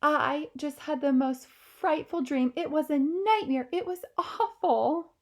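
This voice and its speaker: A woman reads a storybook aloud, voicing a grand elderly queen who is easily alarmed. Her speech is refined, exclamatory, and posh, sounding alarmed yet refined, delivered slowly in a high voice pushed up.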